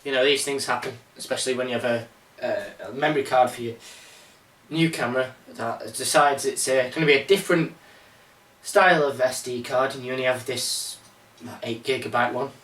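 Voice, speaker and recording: A man's voice: mid-range voice, a little fast, fairly bright tone, recorded from a distance. A young man talking through an exam maths problem in a casual, rambling way with self-mocking asides. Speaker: maths tutor. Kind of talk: informal exam walkthrough. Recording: roomy sound, mic set back.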